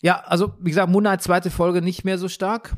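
Animated chatty man, dry sound. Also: sits high, moderate pace, dry recording. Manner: animated, self-interrupting, mixes in English phrases. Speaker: podcast co-host. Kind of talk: casual chat about TV series.

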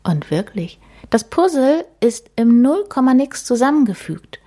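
A woman reading a children's storybook aloud in a gentle, expressive, half-whispered way. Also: high-pitched, unhurried.

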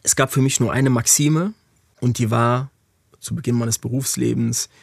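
In a conversational podcast interview, a man from Frankfurt, Germany, reflects aloud, frequently hesitating and using fillers. His voice is husky and gravelly, medium in pitch with fairly even intonation, at normal speed, captured in a dry, studio-quality recording.

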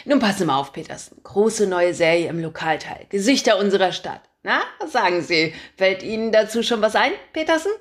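A woman reading aloud and voicing a loud, pushy male newspaper editor who booms and laughs. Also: expressive, a little fast, hardly any pauses. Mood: bossy.

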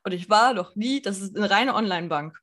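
A woman's voice: mid-range voice, animated, fairly quick, fairly bright tone. A young woman co-hosting a podcast, chatting casually and self-deprecatingly, acting out her own nervous voice in stories. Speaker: podcast co-host. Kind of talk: casual chat.

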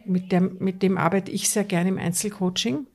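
A woman's voice: mid-range voice, steady tone, normal speed, darkish tone. A woman coach speaks in an interview with earnest conviction and lays stress by repeating key words. Her talk is conversational and full of small restarts.

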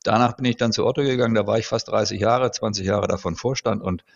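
Middle-aged man, very low pitch, gravelly fry, standard High German, measured podcast talk, dull lo-fi recording. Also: steady tone. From born in South Africa, raised in Germany. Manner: measured, explanatory, frequent hesitation sounds. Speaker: guest, former executive. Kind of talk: conversational podcast interview.

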